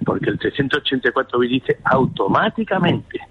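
A man, a public prosecutor, explaining legal points in a measured way during a radio interview. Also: mid-range voice, lively intonation, muffled recording, noisy background. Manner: measured, explanatory, hesitant fillers.

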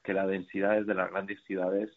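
A man's voice: sits low, level tone, moderate pace. A man, an organizer of a startup event, being interviewed on radio by phone, hesitant with many fillers and restarts. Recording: tinny phone line into radio.

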